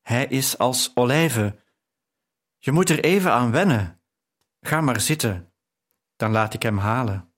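A man's voice: medium pitch, lively intonation, a little slow, long pauses. A male audiobook reader voicing an emotional young woman, a devoted daughter, in an earnest, tender way. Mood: warm. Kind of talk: audiobook character reading.

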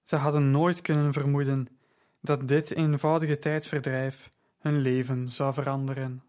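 A man narrating an audiobook story in a measured, even storytelling manner. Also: medium pitch.

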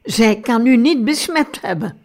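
A woman voicing an agitated, nervous male doctor who shouts and pleads to be believed, read slowly in an audiobook. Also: a little high, lively intonation, vocal fry, voice pushed up, full character voice. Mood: agitated pleading.

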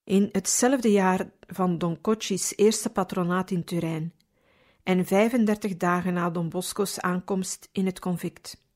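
A woman reading a religious story aloud in calm, measured scripted narration. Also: fairly low pitch. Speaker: audiobook reader.

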